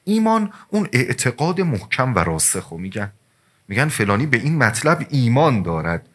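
A man preaching a sermon, telling stories with sudden rises and drops in pitch and loudness, and speaking directly to his listeners as dear ones. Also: sing-song.

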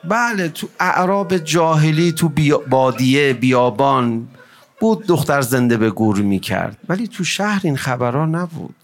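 A man's voice: fairly high pitch, lively intonation. A man giving an emotional religious mourning recitation to a gathering, pleading and impassioned, at times rising into a chant.

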